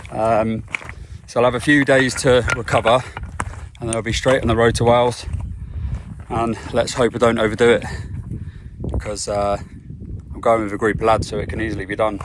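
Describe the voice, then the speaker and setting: A man's voice: lowish voice, noisy background. A young man vlogging outdoors while hiking a mountain, talking in a chatty, blunt, self-mocking way and swearing casually. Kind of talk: casual vlog talk to camera.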